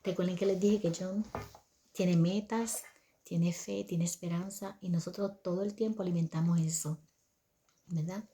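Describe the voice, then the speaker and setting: A woman's voice: lowish voice, fairly even intonation, moderate pace, dark tone. An older woman telling viewers a family story about raising her son, in a conversational manner that often checks in with listeners.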